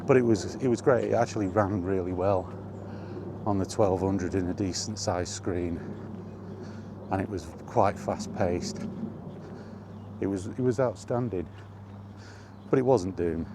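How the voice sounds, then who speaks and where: In this noisy recording, a middle-aged man with a deep voice reminisces informally about retro gaming on his personal vlog. He speaks at a measured pace and pauses often as he rambles casually.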